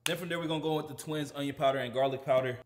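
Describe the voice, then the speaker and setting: A man's voice: on the high side, steady tone, very fast. A young man talking casually to camera in a slangy, laid-back way while cooking in a large home kitchen. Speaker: fitness vlogger. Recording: echoey kitchen room.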